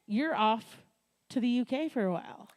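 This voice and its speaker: A woman with a high, bright-pitched voice hosts a live radio music show. She introduces guests and shows in an upbeat, friendly announcer manner. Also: animated, normal speed.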